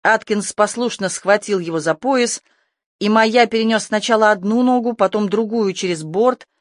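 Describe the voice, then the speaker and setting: An audiobook narrator reading a tense adventure story with steady, scripted delivery. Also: medium pitch, moderate pace, no room sound, studio quality.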